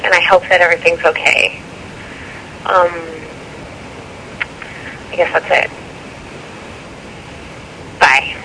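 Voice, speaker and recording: A woman's voice: lowish voice, takes it slowly, gravelly, long pauses, background noise. A young woman leaving a hesitant, worried answering machine message from a payphone call. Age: young adult. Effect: payphone call heard on an answering machine. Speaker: friend leaving a voicemail. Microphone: payphone handset.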